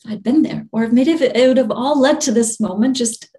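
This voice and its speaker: Speaking quickly in a slightly high voice, this young woman from Albania, a spiritual channeler, gives a laid-back interview. She is soft-spoken, breaks into frequent laughter, and keeps starting her phrases over.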